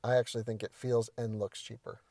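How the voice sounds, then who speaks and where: A man's voice: medium pitch, a little fast, no echo. Blunt opinionated man reviewing a car. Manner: blunt, opinionated, animated critique. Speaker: co-host reviewing cars. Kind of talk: casual car review chat. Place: inside a parked car.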